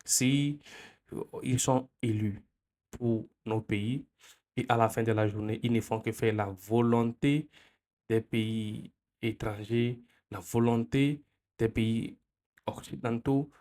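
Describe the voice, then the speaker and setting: A man's voice: mid-range voice, steady tone, slow pace, a little mellow. A man from Benin, giving an impassioned political commentary full of repeated phrases and rhetorical questions. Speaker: video commentator.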